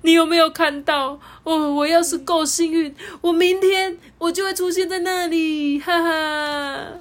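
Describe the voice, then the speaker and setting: A woman playing an excitable sweet potato boy. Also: extremely high pitch, voice pushed up. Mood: excited, tearful. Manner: loud, exclaiming, drawn-out cries.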